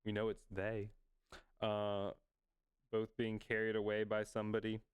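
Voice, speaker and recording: A man reads a comic aloud and reacts to it in a casual show. He speaks at an unhurried pace with a clean, smooth tone. He often breaks into loud, excited outbursts. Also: on the low side, dry recording. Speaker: comic reading and reaction host.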